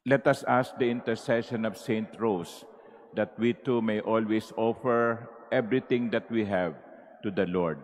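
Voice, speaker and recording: Priest at a pulpit microphone. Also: male voice, lowish voice. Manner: slow, measured, solemn recitation. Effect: speaking at a pulpit microphone. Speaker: priest presiding at Mass. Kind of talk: liturgical prayers and greeting. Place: large cathedral. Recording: long cathedral reverb through the church sound system.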